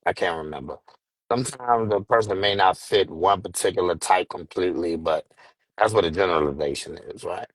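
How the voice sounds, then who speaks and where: A man co-hosting a casual live stream lays out his argument and keeps restarting sentences as he pushes it. His voice is husky and a bit low, and the recording is dry and close. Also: dry recording. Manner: argumentative, builds his point with repeated restarts. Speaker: co-host.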